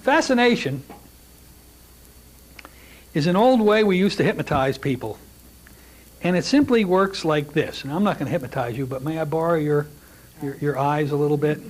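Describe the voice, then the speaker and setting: Speaking to his hypnosis students directly, this middle-aged instructor keeps things casual and jokey, with a slightly raised voice on the high side. He talks at a normal speed but pauses often and frequently starts his sentences over, all recorded in an ordinary classroom.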